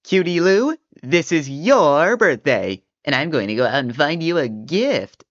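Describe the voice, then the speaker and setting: A performer voicing an eccentric, excitable and timid old man in a storybook tale. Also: medium pitch, measured pace, dull audio, voice pushed up. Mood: cheerful.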